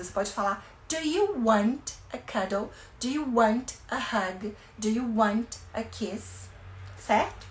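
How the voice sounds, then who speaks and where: A woman's voice: mid-range voice, echoey room. A woman with a Brazilian Portuguese accent, an English teacher speaking casually and expressively to parents about phrases for children.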